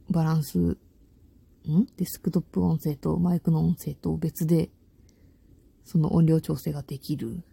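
Casting: young Kansai woman, loud rambling solo chatter with frequent laughs, very dark gravelly tone. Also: on the low side, no echo. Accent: Kansai Japanese. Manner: loud voice, by her own account; rambling, laughs often, slangy. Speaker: podcast host. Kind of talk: casual solo chat.

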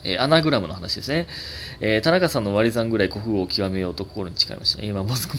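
A man's voice: medium pitch, slight background noise. A man in his twenties with a Kansai accent, hosting a casual solo talk show and reading letters in a rambling, filler-heavy way. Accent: Kansai Japanese. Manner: rambling, chatty, many fillers, swings up in excitement. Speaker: podcast host.

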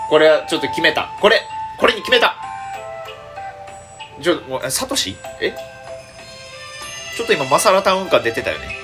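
A young man with a Kansai accent, hosting a solo chat show as a comedian, thinking aloud excitedly and fretting as he rambles. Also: a little high. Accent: Kansai Japanese. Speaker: comedian and podcast host.

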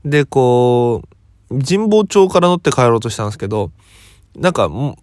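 A young comedian from Okinawa, just woken up, telling a rambling story in a relaxed solo talk. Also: male voice, medium pitch, normal speed, dry recording, clean studio sound. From Okinawa, Japan. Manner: relaxed rambling storytelling, quoting others as he goes. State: just woken up, voice lower than usual.

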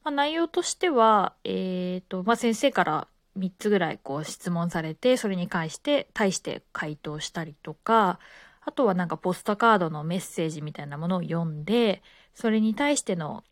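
A Japanese woman speaking alone in a relaxed, casual way, with frequent fillers. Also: fairly low pitch, normal speed, no room sound, studio quality. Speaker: podcaster. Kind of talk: casual solo talk.

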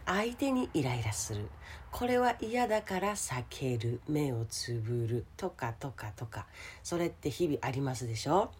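A woman with a hoarse, gravelly voice gives a casual motivational solo talk as a radio host, speaking directly to the listener. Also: a bass voice, sing-song, measured pace, a little hiss or hum. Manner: addresses the listener directly with questions and soft sentence-ending particles. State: hoarse today.

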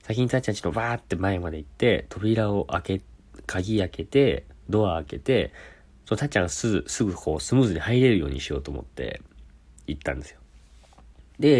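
A man casually telling a personal anecdote in an animated way, acting out the people in it. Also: sits low, husky. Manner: animated, acts out quoted voices. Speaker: storyteller.

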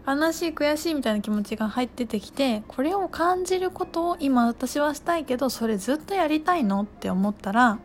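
Animated woman with a lilt. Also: sits high, brisk, few pauses, a little hiss or hum. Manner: animated, acts out her own outbursts and shouts. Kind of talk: casual spiritual monologue.

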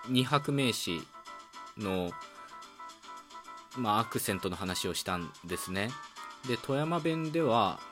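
A man from Okayama with an Okayama accent, hosting a calm solo talk show and explaining things in a relaxed, chatty way with fillers. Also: medium pitch. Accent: Okayama dialect. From Okayama, Japan. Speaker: podcast host.

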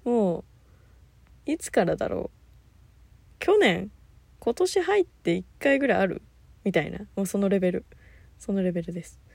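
A high-energy woman hosts a solo talk radio segment in a casual, rambling way and keeps losing track of what she meant to say. Her voice is breathy and slightly husky, and it sits close to a dry, dead microphone. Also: moderate pace, pauses often, no room sound. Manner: rambling, loses her thread, laughs often; high-energy, lively talker.

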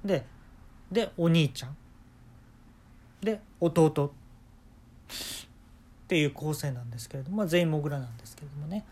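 A man with a Kansai accent telling an absurd story in a rambling, deadpan way as the host of a talk show. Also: on the high side, moderate pace, long pauses, breathy edge. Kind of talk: comic storytelling monologue.

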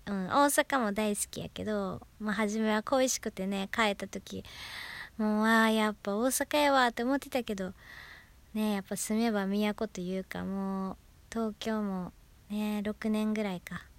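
A woman's voice: mid-range voice, steady tone, measured pace. A woman from Osaka with a Kansai accent, chatting alone on her radio talk show and laughing at herself. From Osaka, Japan. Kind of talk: casual solo chat.

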